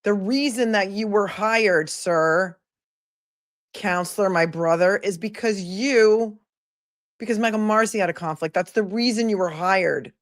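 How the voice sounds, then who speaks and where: Medium-pitched and unhurried, this woman runs a livestream where she reacts to a court hearing, tossing out sarcastic, indignant comments and thanking the people watching.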